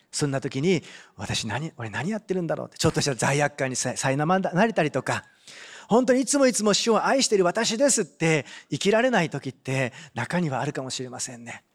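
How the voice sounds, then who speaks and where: A man's voice: on the high side, fairly quick. A man preaching a sermon as pastor, retelling a Bible story and reading scripture aloud, often adding a questioning "ne". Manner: animated, with frequent rhetorical "ne" and Bible reading.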